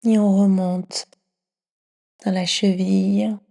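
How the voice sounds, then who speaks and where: This is a guided yoga nidra session led by a woman with a mid-range, mellow, husky voice. She speaks slowly in a very even, soothing tone, often falling into a breathy whisper as she teaches.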